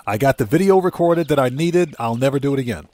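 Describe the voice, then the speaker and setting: A man's voice: medium pitch, expressive, normal speed, darkish tone, no echo. A man hosting a live game stream, chatting casually with viewers and repeating himself for emphasis, over game noise.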